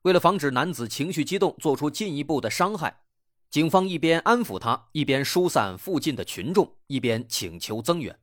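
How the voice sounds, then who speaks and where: A man hosting a true-crime podcast, telling a case in a dramatic, lively way. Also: fairly high pitch, normal speed, no room sound, clean studio sound. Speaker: host.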